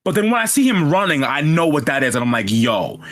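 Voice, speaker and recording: A man from New York co-hosting a podcast, talking in a casual, excitable way, full of slang and swearing. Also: on the high side, fast talker. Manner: excitable, slangy, swears freely, laughs often. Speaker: podcast co-host. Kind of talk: casual chat.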